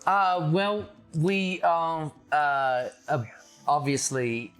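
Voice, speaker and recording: A woman's voice: deep voice, steady tone, extremely slow, soft background music. A woman playing a tabletop game, reacting and chatting casually.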